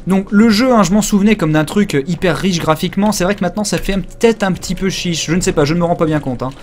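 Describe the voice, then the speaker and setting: A man's voice: high voice, fast talker, slight background noise. A man giving casual live commentary while playing a video game, rambling and crude, joking with many fillers. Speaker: game streamer.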